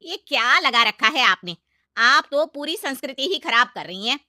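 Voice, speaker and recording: A woman voicing a scolding, tradition-bound middle-aged aunt-in-law in a cartoon story, loud and indignant. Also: fairly high pitch, sing-song, unhurried, no room sound, clean studio sound, full character voice.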